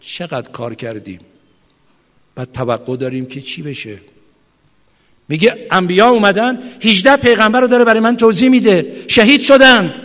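High-voiced impassioned male preacher. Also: expressive. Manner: swings from hushed to loud shouting. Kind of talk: impassioned sermon. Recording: long hall reverb.

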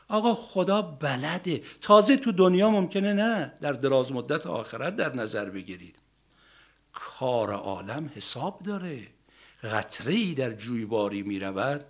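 A man preaching a sermon, stressing points with loud rises, then dropping soft and slowing down on key ideas. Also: medium pitch. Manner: emphatic, swings between loud rising stresses and soft drops.

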